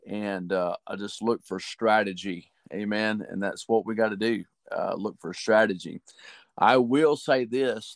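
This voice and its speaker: Earnest low-voiced man in faith chat. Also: dry recording, studio quality. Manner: earnest, loose, many fillers. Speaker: podcast co-host.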